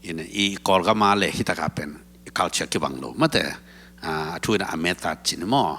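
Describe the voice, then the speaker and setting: Deep-voiced man in relaxed talk-show chat. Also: normal speed, breathy edge. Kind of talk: casual talk-show conversation.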